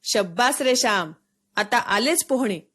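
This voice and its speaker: A woman's voice: on the high side, lively intonation, measured pace, a bit bright. A woman voicing a kind young man who teaches a boy to swim, with patient, encouraging instructions. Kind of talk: storybook reading.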